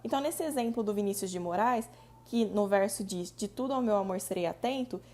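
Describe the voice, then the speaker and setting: A Brazilian Portuguese-speaking woman teaching a recorded lesson, explaining step by step with frequent restarts and slowly drawn-out syllables. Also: medium pitch, mellow, slight background noise. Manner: explanatory, repeats points, drawn-out syllable counting.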